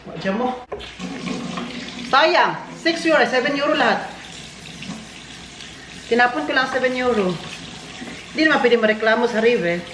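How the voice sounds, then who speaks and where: A Filipino vlogger chats casually with her viewers from her home in Germany, moving between indoors and outdoors. Her voice is fairly high and a little slow, with long pauses and a noisy background. She laughs often and drops English words into her talk.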